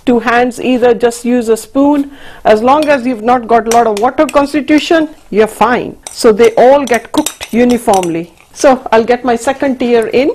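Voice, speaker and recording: A woman's voice: fairly high pitch, a little mellow, a little hiss or hum. A middle-aged woman hosts a cooking demonstration, instructing step by step and mixing in Hindi and Punjabi phrases. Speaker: TV cooking show host. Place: indoor TV studio kitchen.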